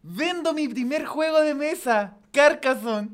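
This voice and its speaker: A man's voice: very high-pitched, measured pace. A man with a Chilean accent co-hosting a casual podcast chat, swearing often and laughing through his lines. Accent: Chilean Spanish. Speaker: podcast co-host. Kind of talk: casual chat about board games.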